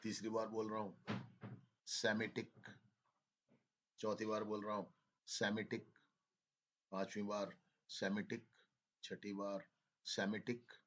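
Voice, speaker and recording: A man's voice: lowish voice, monotone, takes it slowly, pauses often, fairly bright tone. A man teaching an English spelling dictation to a class. He spells words out letter by letter and teases the students a little. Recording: dull lo-fi classroom recording.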